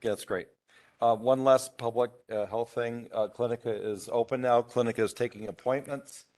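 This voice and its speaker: A man's voice: mid-range voice, fairly even intonation, normal speed, a little mellow. A man chairing a town board meeting as mayor pro tem, casual and hesitant, with many uhs.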